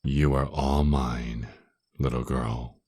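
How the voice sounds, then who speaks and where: A man playing a dominant, seductive, menacing male vampire lord in an ASMR roleplay, with a very deep voice and a possessive, taunting, mock-tender manner. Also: fairly even intonation, takes it slowly, a little mellow, husky, no room sound, clean studio sound, exaggerated voice. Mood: smug, possessive. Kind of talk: ASMR roleplay, intimate scripted monologue.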